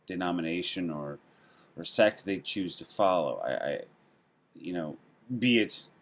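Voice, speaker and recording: A man and father giving a casual devotional reflection on a scripture reading, meandering and thinking aloud. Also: low-pitched.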